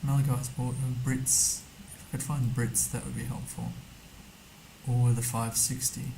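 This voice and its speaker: Slow, muttering man thinking aloud. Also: mid-range voice, little pitch movement, gravelly, a little mellow, slight background noise, poor audio. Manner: muttering guesses, reading out numbers to himself. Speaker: game streamer. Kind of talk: casual thinking-aloud game commentary. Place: indoor streaming setup.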